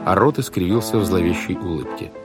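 A deep, low male voice reads a story aloud in measured, expressive scripted narration. Music plays clearly beneath him throughout. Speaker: audiobook narrator.

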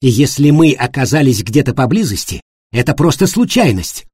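Man doing indignant rich woman, raised higher voice, husky, dry, lively. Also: normal speed, no room sound. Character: wealthy proud woman, defiant and firm.

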